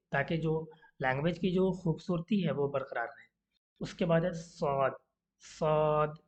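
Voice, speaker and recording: A recitation teacher giving an online pronunciation lesson, slowly repeating each letter sound to demonstrate it and mixing in English words while explaining. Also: mid-range voice, a little mellow, muffled recording.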